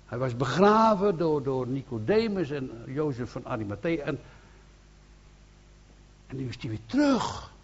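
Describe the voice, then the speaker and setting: Male evangelist, Dutch accent, husky middle voice, earnest sermon with emphatic swells, dull lo-fi recording. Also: mid-range voice, big pitch swings, unhurried, long pauses. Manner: earnest, repetitive restarts, rising to emphatic bursts. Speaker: evangelist preacher.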